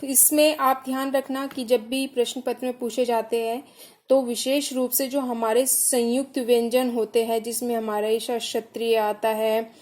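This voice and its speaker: A woman's voice: a little high, flat delivery, moderate pace, darkish tone. A woman teaching a grammar lesson to children, patiently spelling out syllables one by one and asking questions that she then answers herself.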